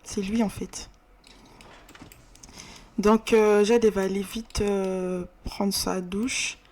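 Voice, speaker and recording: A woman talks her way through a playthrough in a relaxed, slangy manner. Her voice sits at an ordinary middle pitch, and she fills pauses with hesitations as she goes. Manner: slangy, chatty, many fillers. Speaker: game narrator. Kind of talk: casual let's-play narration.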